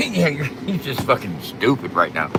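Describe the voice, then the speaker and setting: Over background noise, a man hosting a livestream rambles bluntly and profanely at a moderate pace. His medium-pitched, creaky voice swoops wildly in pitch, and his speech is a little slurred and lisping, like someone with loose new dentures.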